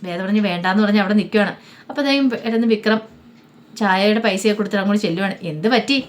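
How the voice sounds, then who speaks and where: A woman retelling a TV serial episode in a brisk, conversational storytelling manner. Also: mid-range voice.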